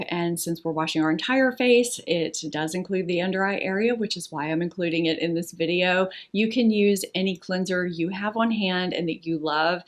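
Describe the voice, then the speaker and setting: A middle-aged woman narrates her beauty vlog in a polished, friendly manner. Her voice sits a little low, and she explains each product step by step. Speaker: beauty vlogger.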